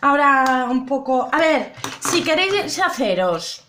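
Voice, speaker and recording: A young beauty vlogger walks viewers through a makeup tutorial in a high-pitched, sing-song, sharp voice, speaking a little slowly. Chatty and direct, she repeats herself and keeps asking if they can see, with a little hiss or hum in the audio.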